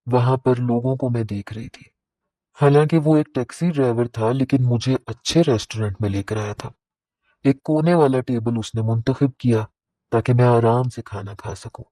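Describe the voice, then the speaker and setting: Mellow-voiced male storyteller. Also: medium pitch, no echo, poor audio. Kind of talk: first-person story narration.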